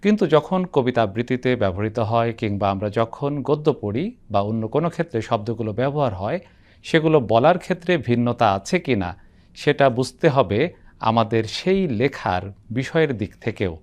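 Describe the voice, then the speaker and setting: A man hosting a TV language program, speaking in formal, measured, polished phrasing as he asks questions and closes the episode. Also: medium pitch, lively intonation, darkish tone. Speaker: program host.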